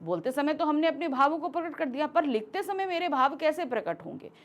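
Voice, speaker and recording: A woman's voice: high-pitched, very animated, a little fast. A woman teacher explaining a grammar lesson step by step, acting out example sentences as she goes.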